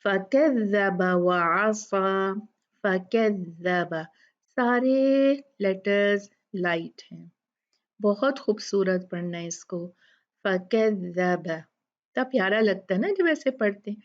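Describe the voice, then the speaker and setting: A woman's voice: medium pitch, expressive, measured pace, highs cut off. A woman teaching Quran recitation rules, patiently breaking words into syllables and repeating them. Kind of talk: tajweed lesson with slow recitation.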